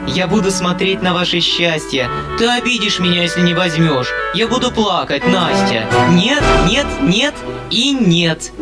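Male narrator doing a flighty spinster, high and fluttering. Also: unhurried, loud music behind the voice. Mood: rapturous. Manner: fluttering, excited. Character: flighty, rapturous spinster lady.

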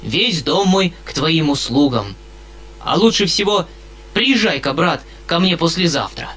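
A male reader voicing a fat, blustering country landowner who talks loudly and folksily. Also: fairly high pitch, lively intonation, measured pace, pitched above the performer's own voice. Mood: effusive. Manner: boisterous, folksy.

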